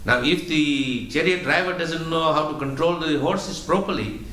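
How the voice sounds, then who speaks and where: A man giving a religious lecture as a spiritual teacher, explaining slowly and patiently, often repeating words as he goes. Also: fairly high pitch, pushed and bright, reverberant, low-quality recording.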